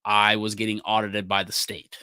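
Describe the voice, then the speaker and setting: A young man, co-hosting a casual podcast and telling animated stories with frequent laughs. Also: lowish voice, normal speed, smooth, no echo. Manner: animated storyteller, laughs often. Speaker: podcast co-host. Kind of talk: casual chat.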